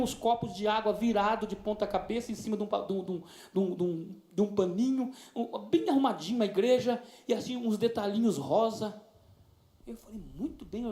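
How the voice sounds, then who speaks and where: Brazilian pastor, high-pitched, fervent sermon in a roomy church. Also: male voice. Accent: Brazilian Portuguese. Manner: tender storytelling with many diminutives, building to loud fervent preaching. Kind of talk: sermon with storytelling. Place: church sanctuary. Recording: echoey church sound.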